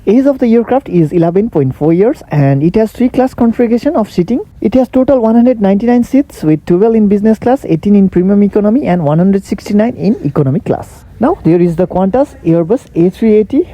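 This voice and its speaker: A woman's voice: medium pitch, expressive, brisk, few pauses, warm tone, no room sound, low-quality recording. A woman narrating a travel vlog in a plain, matter-of-fact, scripted way. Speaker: travel vlogger.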